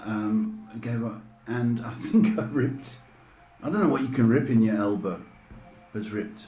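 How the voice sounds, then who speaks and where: A middle-aged man with a warm, mid-range voice talks at a moderate pace as a live stream host. He chats casually, rambling and joking, in an echoey room with faint background noise.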